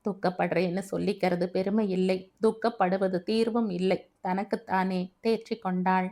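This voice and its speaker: A woman narrating an audiobook family story in an emotive, measured storytelling manner. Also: medium pitch, steady tone, warm tone.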